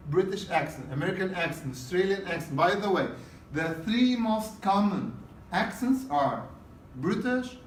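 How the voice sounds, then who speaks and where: A man lecturing a class on exam preparation, his voice sitting a bit high for a man and heard from across an echoing room. He talks in loose spoken bursts and keeps checking that students follow him. The recording is roomy, with faint noise underneath. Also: animated, normal speed, recorded from a distance. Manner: repetitive, checks in with "okay?". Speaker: exam prep teacher.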